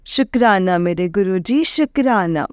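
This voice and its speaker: A woman's voice: medium pitch, expressive, measured pace, dry recording, studio quality. A young woman, earnestly and emotionally sharing her devotional experiences with listeners, often addressing them directly. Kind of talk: personal devotional testimony.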